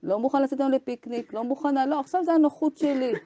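A woman's voice: high voice, mellow. A woman teacher giving an impassioned Torah ethics lesson to women, arguing with rhetorical questions and acting out imagined dialogues.

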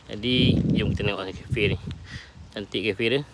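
A low voice with fairly even intonation and normal pacing belongs to a Malaysian-accented food vlogger doing casual walk-around commentary at a roadside cafe, outside and inside. The vlogger asks questions and repeats the answers back inquisitively, and the handheld recording is noisy with cafe ambience.

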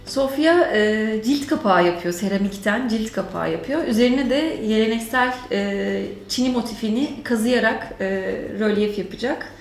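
A woman with a creaky edge to her voice explains craft work in an interview. The room echoes and music is clearly heard behind her. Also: a little high, normal speed, hardly any pauses. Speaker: artist colleague. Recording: roomy echo, music underneath. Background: clear background music.

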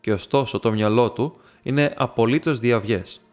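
A man's voice: mid-range voice, a little mellow, soft background music, natural voice. A man doing an anxious young assistant. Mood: anxious earnest. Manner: earnest, pleading. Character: anxious, apologetic male assistant.

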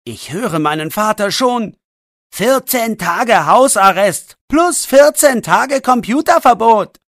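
Sarcastic teenage boy voiced by the narrator, slow and clear. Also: medium pitch, animated, fairly bright tone, dry recording, clean studio sound, pitched above the performer's own voice. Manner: scolding, sarcastic. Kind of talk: audiobook role voice.

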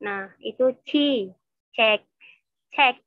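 A woman teaching an online Turkish lesson, patiently repeating each sound slowly for her learners. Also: on the high side, dry recording. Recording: dull, slightly lo-fi dry recording.

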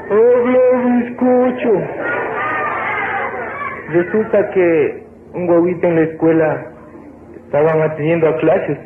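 A man with an Ecuadorian accent calling into a radio show to tell jokes, lively and acting out the characters. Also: a little high, normal speed, a crowd in the background, background noise. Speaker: radio caller. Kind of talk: telling jokes on air. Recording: old tinny radio broadcast, echoey.

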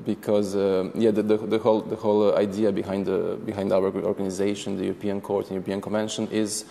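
A male official answering an interview in a halting way, repeating words and pausing often. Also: lowish voice, little pitch movement, gravelly, dark tone, long reverb tail. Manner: halting, many repeats and fillers. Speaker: organization official.

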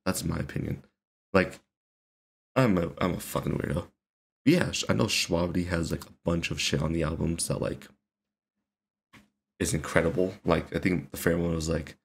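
Male reaction host, husky low voice, casual and rambling. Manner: rambling, many fillers, casual swearing.

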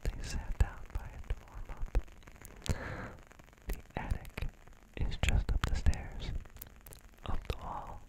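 A young man telling a bedtime-style story as ASMR, in a hushed, deliberate whisper close to the microphone. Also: rough recording. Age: young adult. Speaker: ASMR host. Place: small dim room indoors. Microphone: close desktop condenser microphone.

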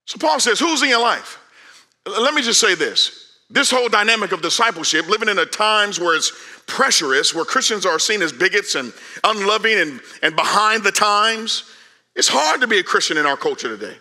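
A man in his forties preaching a sermon on a large church stage, animated and conversational, swinging from loud calls to hushed asides. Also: sits high, moderate pace. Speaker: pastor.

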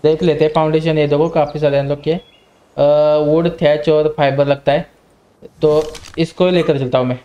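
A man's voice: on the high side, normal speed, dull audio. A young man hosting a gaming channel, giving casual gameplay commentary and breaking into panicked yelps when attacked. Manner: excited, yelps in sudden panic.

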